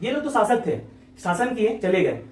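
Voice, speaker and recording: A man teaching an exam-prep lecture, talking quickly and repetitively, often checking in with his listeners. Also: sits high, sing-song, echoey room, recorded from a distance.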